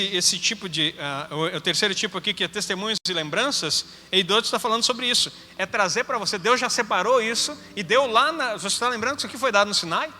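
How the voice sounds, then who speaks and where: A man's voice: sits high, sharp tone. A man with a Gaúcho Brazilian accent teaching a sermon in a conversational way with joking asides. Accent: Gaúcho Brazilian Portuguese. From Rio Grande do Sul, Brazil. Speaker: apostle preaching. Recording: hall reverb with faint music.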